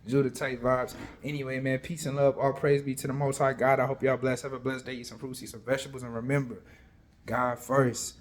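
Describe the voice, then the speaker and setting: A man casually retelling a Bible story, animated and conversational, full of slang. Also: mid-range voice, fairly quick.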